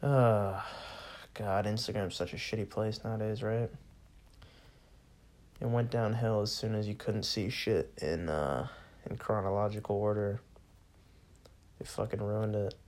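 A man's voice: fairly low pitch, fairly even intonation, a little slow, long pauses, darkish tone. A young man hosting a solo podcast, ranting casually and sarcastically with lots of swearing. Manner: profane, bored and sarcastic, laughs often.

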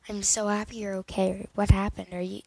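A woman's voice: mid-range voice, level tone, a little fast, gravelly, mellow, low-quality recording. A woman reading as a worried teenage boy. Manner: concerned, coaxing. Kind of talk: fan fiction reading.

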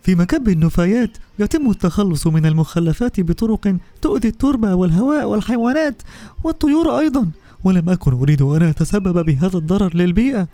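A man's voice: sits high, lively intonation, fast talker, mellow, dry recording, pitched above the performer's own voice. A man voicing a sad, earnest little plastic bottle in a bedtime story.

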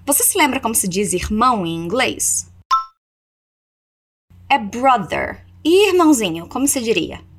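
Lively woman teaching English. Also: fairly high pitch. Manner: slows down to model English phrases, then explains in Portuguese. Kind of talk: language lesson with repeat-after-me drills.

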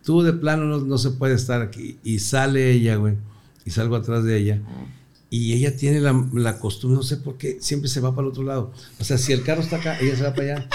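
A man's voice: mid-range voice, steady tone, quick pace, a little mellow, slight background noise. A middle-aged Mexican man, a comedian guest, telling stories in casual chat, swearing freely and laughing at his own jokes. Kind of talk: casual storytelling interview.

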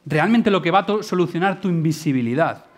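A man from giving an informal, lively sermon, acting out dialogue and dropping to hushed, intimate tones. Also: fairly high pitch, fairly quick. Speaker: preacher.

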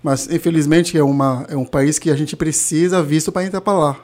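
A man in his thirties from Haiti with a Haitian accent, a podcast guest talking in a relaxed interview, often pausing and restarting as he searches for words. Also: a little high. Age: 30s. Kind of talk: casual interview conversation.

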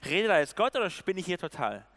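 A man preaching a casual sermon in a lively, informal way, with slang and playful sound effects. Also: high-pitched, fast.

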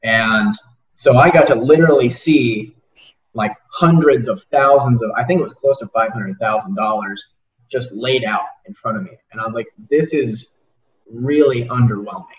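At normal speed and medium pitch, a young man in his twenties hosts a casual interview podcast, rambling earnestly with plenty of repeated words. The sound is distant, roomy and dull.

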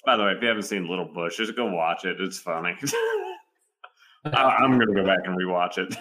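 Animated, bright-voiced man chatting. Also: low voice. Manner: animated, quick bursts, laughs often. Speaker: podcast co-host. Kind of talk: casual chat. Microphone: internet call.

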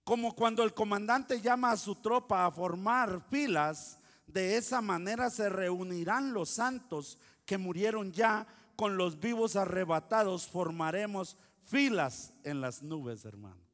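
A high-pitched pastor preaching a sermon at an unhurried pace, now booming, now dropping to hushed asides. His voice rings with a long hall reverb. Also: lively intonation. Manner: preaching with sudden loud outbursts and hushed asides.

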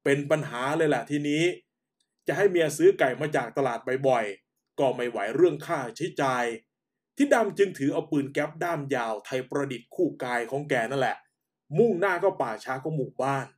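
A man hosting and narrating in a calm, unhurried radio style, using polite particles as he tells a story. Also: fairly high pitch. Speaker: host.

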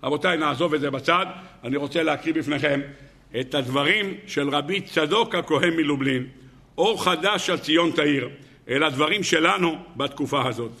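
A rabbi giving a Torah lesson, telling stories in an animated way and asking rhetorical questions. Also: male voice, fairly high pitch, vocal fry.

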